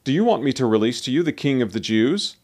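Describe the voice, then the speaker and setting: A man voicing a stern Roman governor in a scripture reading, asking his questions in a measured, deliberate way. The voice rises and falls a good deal, with a middle pitch for a man. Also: big pitch swings, a little mellow. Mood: questioning.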